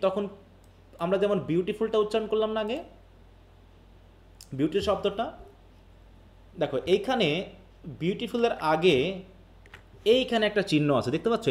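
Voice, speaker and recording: A man from Bangladesh teaching English literature in a live online class. He explains step by step, mixes English terms into his speech and keeps quizzing his students. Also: high voice.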